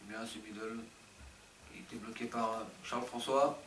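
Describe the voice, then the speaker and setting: A man's voice: fairly low pitch, steady tone, normal speed, a bit bright, a little hiss or hum. Male fight co-commentator, echoey and distant. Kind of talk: live fight commentary, short reactions. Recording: echoey, distant, music behind.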